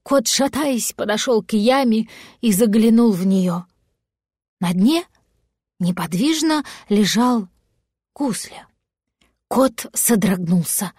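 A woman narrating a children's storybook aloud with gentle expressive telling. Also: medium pitch, slow, long pauses, slightly rough, no room sound, clean studio sound. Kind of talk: audiobook storytelling.

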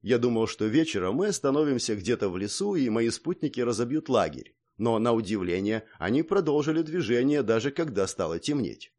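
A man narrating a fantasy audiobook in the first person, even and a little wry. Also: medium pitch, brisk, hardly any pauses.

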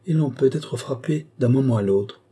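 Man playing a grave old marquis, slow and pious, dark husky tone. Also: mid-range voice, pitched above the performer's own voice, lightly acted. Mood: solemn. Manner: grave, solemn. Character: solemn, devout aged marquis, man.

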